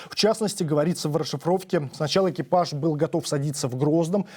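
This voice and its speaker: Male news presenter, scripted narration, fairly high voice, soft mellow tone.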